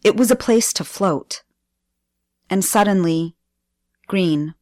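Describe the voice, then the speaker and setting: A woman guest performing spoken-word poetry on radio, with slow, deliberate delivery and dramatic pauses. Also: medium pitch, darkish tone, no room sound, studio quality. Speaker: guest poet.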